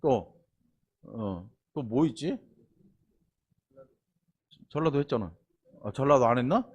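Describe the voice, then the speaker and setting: This middle-aged pastor from Honam, Korea, speaks slowly and animatedly at medium pitch, his voice slightly rough and the recording muffled. His sermon is folksy, and he repeatedly stops to tease and question the people in the pews with playful asides.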